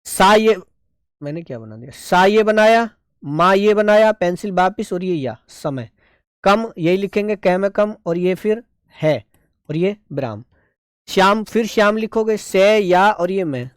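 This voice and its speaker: A man's voice: sits high, clear, resonant tone, no room sound, clean studio sound. A man teaching a shorthand class, explaining each stroke step by step and checking in often. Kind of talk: online class lesson.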